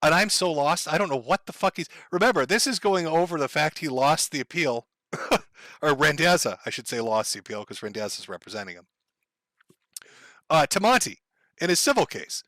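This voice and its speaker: A man's voice: fairly high pitch, lively intonation, normal speed, sharp tone, no room sound. A man hosting a livestream, commenting to his chat in a blunt, profane, sardonic way. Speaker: stream host.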